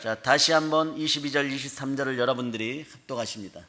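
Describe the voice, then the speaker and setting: A pastor preaching a fervent, emphatic sermon in a prayer sanctuary. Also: male voice, mid-range voice, fast talker, background noise. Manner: fervent, emphatic preaching with repeated "amen hallelujah".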